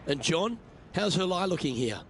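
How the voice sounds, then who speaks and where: A man performing as a lively, admiring TV golf commentator in a video game. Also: high-pitched, moderate pace, a little hiss or hum. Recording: music behind the voice.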